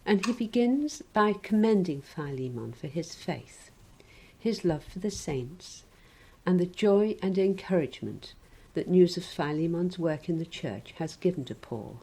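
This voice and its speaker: A woman preaching a sermon in a measured, gently wry reflective way. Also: fairly low pitch, expressive, slightly rough, low-quality recording.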